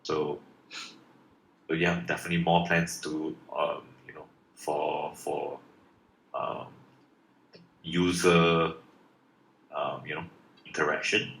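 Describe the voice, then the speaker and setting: A man's voice: very deep voice, level tone, takes it slowly, pauses often, a bit bright. A man from Malaysia, a project founder, answering questions in a casual live Q&A with many fillers and restarts. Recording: echoey room with faint noise.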